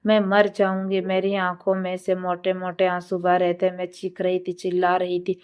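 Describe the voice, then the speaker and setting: A woman narrating a dramatic story in the first person, with a steady, even reading. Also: lowish voice, moderate pace, clean tone, highs cut off.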